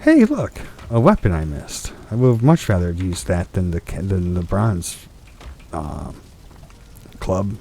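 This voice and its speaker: A man's voice: low-pitched, big pitch swings, measured pace, a little mellow, a little hiss or hum. A young man hosting a gaming video, ranting in frustration about a boss fight, swearing and restarting his sentences. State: hiccups. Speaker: gaming channel host. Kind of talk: ranting game commentary.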